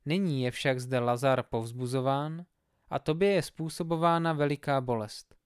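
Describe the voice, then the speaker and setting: A man's voice: medium pitch, steady tone, clean tone, no room sound, studio quality, natural voice. A man reading old patriarch Abraham. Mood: grave. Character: calm old patriarch Abraham, grave and fatherly.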